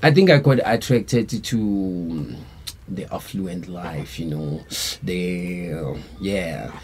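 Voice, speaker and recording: Slow and low, with a darkish tone, a man from South Africa recounts a long story. The band member's delivery is laid-back and meandering, with plenty of slang fillers, in a casual interview.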